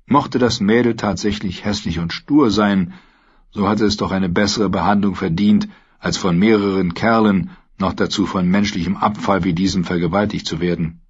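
A man narrating an audiobook with a steady, dramatic reading. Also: low-pitched, normal speed, breathy edge. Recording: dull lo-fi recording.

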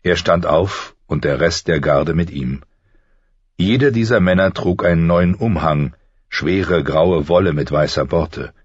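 A man calmly reading an audiobook narration. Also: sits low, husky, dry recording. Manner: calm, even storytelling. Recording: slightly muffled dry recording.

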